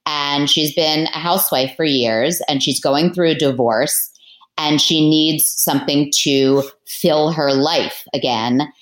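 A woman with a low, deep voice talks casually as a guest on a podcast, chatty and quick to laugh. Her voice carries the echo of a roomy space. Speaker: author guest.

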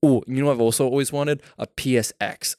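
A man's voice: medium pitch, fairly even intonation, a little fast, a little mellow, dry recording, studio quality. A young man co-hosting a casual podcast chat, rambling enthusiastically about collectibles and laughing at himself. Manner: rambling, enthusiastic, self-deprecating, laughs often. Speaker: podcast co-host.

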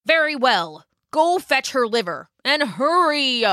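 A woman's voice: sits high, very animated, slow pace, bright, forceful tone, no room sound, studio quality, pitched above the performer's own voice, full character voice. A woman voicing a grand, greedy male Dragon King of the sea in a storybook, with a commanding, impatient manner.

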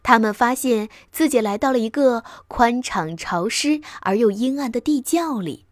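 Female storyteller, bedtime reading, lively and fairly high, dry close sound. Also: normal speed, no room sound. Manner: expressive, lively narration.

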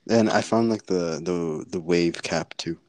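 A man's voice: sits low, a little slow, a little mellow, no room sound. A teenage boy chatting on a video call from home, giggly and rambling, sometimes dropping to a whisper. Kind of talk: casual chat. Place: at home, indoors.

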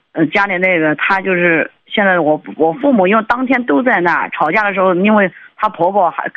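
A woman's voice: medium pitch, no room sound. Female radio caller: hesitant rambler over a dull, lo-fi phone line, voice dry and close. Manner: halting, rambling, many restarts and fillers. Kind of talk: call-in radio conversation. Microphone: telephone.

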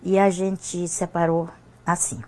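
A woman's voice: on the low side, flat delivery, slow pace, a little mellow. An older woman giving an emotional personal testimony as a guest on a church talk show. She often repeats herself, and her voice rises when she is moved.

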